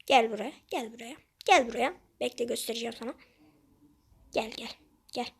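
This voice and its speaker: A woman with a high voice narrates her match as she plays it, chatting to her viewers. She is easily frustrated and excitable throughout. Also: normal speed, vocal fry, slightly rough. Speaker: gaming channel host. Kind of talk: gameplay commentary.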